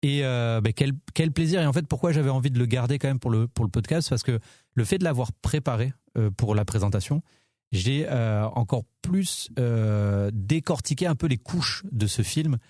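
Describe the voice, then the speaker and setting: Warm-voiced man, eager film chat. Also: mid-range voice, lively intonation, normal speed, dry recording, studio quality. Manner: enthusiastic, many fillers and restarts. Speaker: podcast co-host. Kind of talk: casual film podcast chat.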